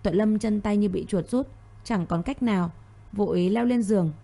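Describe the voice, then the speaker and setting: A woman narrating an audio romance story in a steady, gentle voice. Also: mid-range voice, moderate pace, gravelly. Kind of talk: scripted narration.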